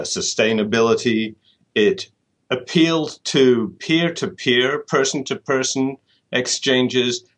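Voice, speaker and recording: In a relaxed interview, a UK author with a fairly low, slightly bright voice works through his ideas aloud. He is thoughtful, often starting over and repeating words mid-thought.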